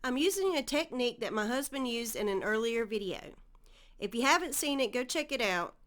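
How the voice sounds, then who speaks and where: A woman with a Southern American accent hosts a DIY channel, giving friendly, step-by-step voice-over narration of a home project. Her fairly high voice is expressive and fairly bright, moving a little fast.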